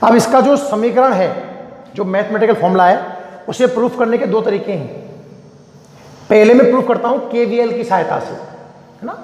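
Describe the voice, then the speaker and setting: High-voiced man teaching physics, echoey room. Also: normal speed, long pauses, a little mellow. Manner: questions students and answers himself, repetitive. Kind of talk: classroom lecture at a board. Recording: echoey room with long reverb.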